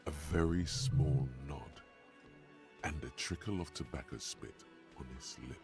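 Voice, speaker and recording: A very low, measured voice narrates a detective video game, cool and detached. Every line is steady and plain. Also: male voice, music in the background. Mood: calm.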